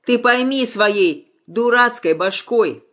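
A reader voicing a stern, domineering older peasant father who barks orders in a gruff voice, in a storybook reading. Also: medium pitch, slow pace, fairly bright tone, pitched above the performer's own voice. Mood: angry, commanding.

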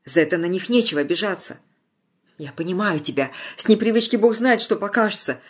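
A young man, as a storybook reader puts him on, talks gently and persuasively. His tone is soothing and coaxing, with an uneasy, placating edge. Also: medium pitch, lively intonation, a little fast, lightly acted.

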